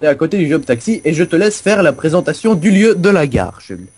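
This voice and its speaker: A man's voice: a little high, very animated, fast talker, a little mellow. A man co-hosting a casual gameplay video, explaining a game server in a rambling, self-mocking way. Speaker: co-host giving a game server tour.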